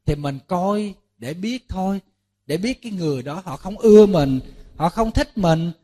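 A Buddhist monk preaches to a gathered audience in a fairly high voice. He tells lively stories and plays out both sides of conversations. He keeps turning to the listeners with rhetorical questions. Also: moderate pace, a little hiss or hum. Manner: lively storytelling, acting out dialogues with listeners. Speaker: Buddhist monk giving a dharma talk. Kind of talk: sermon to a lay audience.

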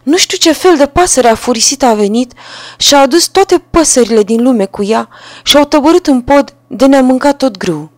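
A woman voicing a fretful peasant wife complaining loudly in a storybook reading. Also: sits high, animated, no room sound, voice pushed up. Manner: loud, lamenting complaint.

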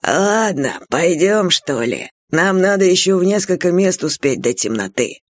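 A woman voicing a tall, easygoing small-town sheriff who talks in a relaxed, joking way, pitched lower. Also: unhurried, dry recording.

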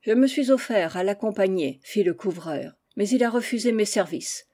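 A boastful roofer grumbles in a self-important way, as a woman reads him aloud. The voice is mellow. He sounds like a figure in a storybook reading. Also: medium pitch, animated, normal speed.

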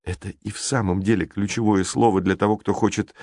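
Brief: excitable young girl, read by a man, eager exclamations, dry close-miked storybook reading. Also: lowish voice, a little fast, dry recording. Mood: explaining.

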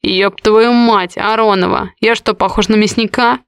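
A woman reading the lines of a brooding, harsh young man in an audiobook, in a low, curt, growling voice. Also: flat delivery, fairly quick, no echo, studio quality, natural voice. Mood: furious.

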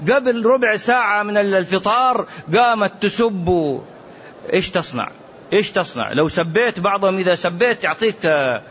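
Earnest scholar, dull lo-fi recording. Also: male voice, fairly high pitch, fairly bright tone. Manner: earnest preaching, mixes classical and dialect, quotes others. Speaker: Islamic scholar answering questions. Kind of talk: religious Q&A lesson with colloquial asides. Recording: dull lo-fi recording with faint hiss.

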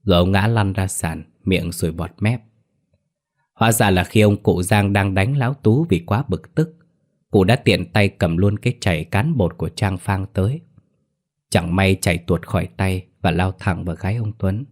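A man narrates a comic audiobook story. His voice sits fairly low, and his delivery is lively as he moves in and out of character voices. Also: normal speed.

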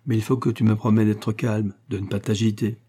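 A man doing a polite, measured inventor. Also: on the low side, little pitch movement, dark tone, breathy edge. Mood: gentle. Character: earnest, composed adult male inventor.

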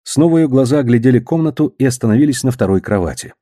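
Male audiobook narrator, measured literary reading, dry close sound. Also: medium pitch, expressive, warm tone, dry recording.

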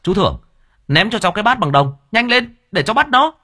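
Guy doing a young ghost-hunter, urgent and bossy, pitched up. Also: sing-song, a little fast, sharp tone, heavily acted. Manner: commanding, urgent.

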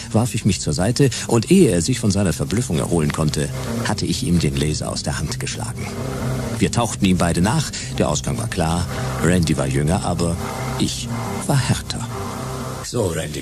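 A man with a low voice, speaking at normal speed, plays a tough, sardonic, cool-headed private detective and first-person narrator in a noir sci-fi radio drama. As the lead actor, he narrates coolly in deadpan, laconic, clipped sentences, with music behind his voice.

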